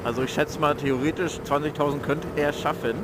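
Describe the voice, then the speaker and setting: A young motovlogger reviews his motorcycle from inside his helmet, riding along with loose, slangy commentary and often hunting for words. His voice is fairly high and steady, and he talks a little fast. The helmet mic picks up engine rumble, road noise and outdoor traffic.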